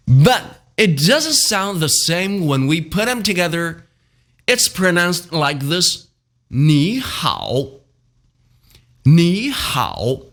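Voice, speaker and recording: A man teaching a beginner language lesson, speaking slowly and having listeners repeat after him. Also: sits high, sharp tone. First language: Mandarin Chinese. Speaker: Mandarin teacher and channel host.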